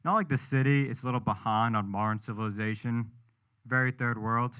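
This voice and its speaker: A young male comedian from New Hampshire works through a stand-up set with dry, self-mocking punchlines. His voice is bright and clean. The recording is a bit dull in the highs. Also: brisk, clean tone. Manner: self-deprecating, punchline delivery. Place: live comedy show with audience.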